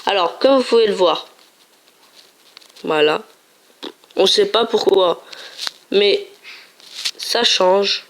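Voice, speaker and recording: A woman's voice: mid-range voice, slow, long pauses, slight background noise. A woman hosting a casual game video, chatty and playful, often repeating herself as she shows things on screen. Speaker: gaming video host.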